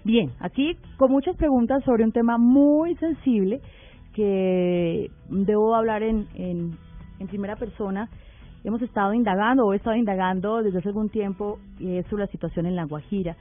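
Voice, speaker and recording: A woman hosts a radio talk show, unhurried and deliberate as she presses her questions. Her voice comes through a narrow, phone-like band, with faint music playing underneath. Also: mid-range voice. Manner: measured, deliberate, probing questions. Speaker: radio host.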